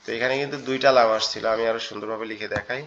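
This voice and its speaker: A man's voice: on the low side, steady tone, a bit bright, a little hiss or hum. Male teacher, online lesson, patient and repetitive delivery, dull lo-fi audio. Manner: patient, repeats each point slowly. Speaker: Quran teacher. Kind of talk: online lesson on Arabic letters.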